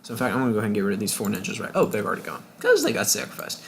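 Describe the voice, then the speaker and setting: A man's voice: lowish voice, racing, a little hiss or hum. Young man rambling over gameplay. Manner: rambling, chatty, with sudden excited outbursts and whispers. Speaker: gaming YouTuber. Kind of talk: casual gameplay commentary.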